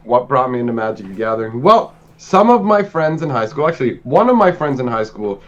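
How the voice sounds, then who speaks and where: A man in his forties, a guest on the show, tells casual stories in an animated, playful, teasing manner. His voice is mid-range and brisk, and the lo-fi recording sounds dull.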